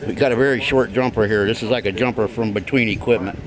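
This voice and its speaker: A middle-aged American hobbyist at a wooden workbench indoors gives radio tips in a folksy, informal, hands-on way. His voice is on the low side with fairly even intonation, and he talks fast on a low-quality recording.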